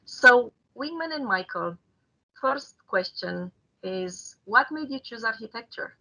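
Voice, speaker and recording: A woman with a bright, forward tone co-hosts a panel as the head of a university's architecture programs. Her delivery is polished and gracious. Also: fairly high pitch, lively intonation, slow, poor audio. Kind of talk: panel hosting.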